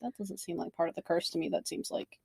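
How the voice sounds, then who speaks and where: A woman's voice: fairly low pitch, fast talker, creaky, a little mellow, breathy edge, dry recording. A woman co-hosting a podcast, chiming in with blunt, offhand comments and asides. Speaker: podcast co-host. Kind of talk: casual chat, reacting and commenting.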